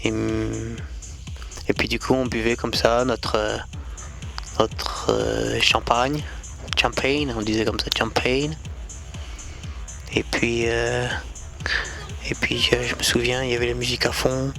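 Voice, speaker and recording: A man slowly telling a personal story, with many pauses and fillers. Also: mid-range voice, completely flat delivery, gravelly, fairly bright tone, faint music behind. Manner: slow, halting delivery with many fillers. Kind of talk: storytelling anecdote.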